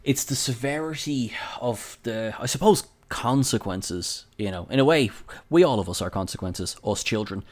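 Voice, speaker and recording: A man's voice: mid-range voice, normal speed, few pauses. Irish man acting out imagined banter. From Ireland. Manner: animated, acts out imagined dialogue, occasional swearing. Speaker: podcast co-host. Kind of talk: casual film-discussion chat.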